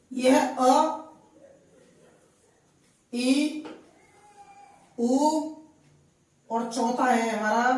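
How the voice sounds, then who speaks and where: High-pitched, unhurried woman teaching grammar. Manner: repeats points and quizzes listeners with questions. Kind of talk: classroom lesson. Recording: very echoey room, voice from a distance.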